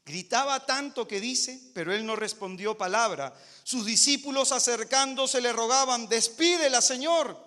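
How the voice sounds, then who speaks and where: A man's voice: very high voice, moderate pace, few pauses, sharp tone, big-room sound. A male preacher delivering an emphatic, dramatic sermon full of rhetorical questions.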